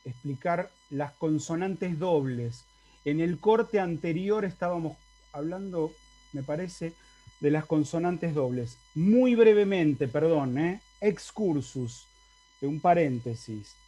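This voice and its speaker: A man's voice: a little high, takes it slowly, mellow. A man with an Argentine accent teaching a university Latin class over a video call, explaining step by step and often checking in with his students. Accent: Argentine Spanish. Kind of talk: university lecture.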